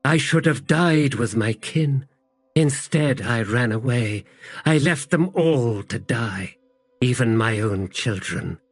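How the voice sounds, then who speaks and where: A man's voice: medium pitch, lively intonation, slow pace, no room sound, soft background music. A man voicing a bitter, guilt-haunted woman warrior, grave and heavy, in an audiobook.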